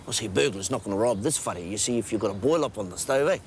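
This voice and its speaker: A man's voice: lowish voice, animated, rapid-fire, noisy background. A man with a New Zealand accent performing an easygoing, chatty comedy sketch, laughing as he talks.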